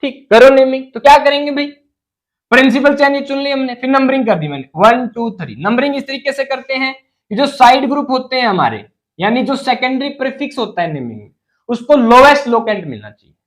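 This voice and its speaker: A man's voice: very high-pitched, expressive, a little fast, rough recording. A man teaching chemistry as a lecture. He asks the class questions and then answers them himself, and he drops English terms into his explanations.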